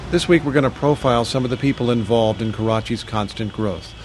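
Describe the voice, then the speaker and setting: American male radio reporter, measured narration. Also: mid-range voice, music in the background. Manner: measured, short deliberate sentences. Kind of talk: scripted documentary news narration.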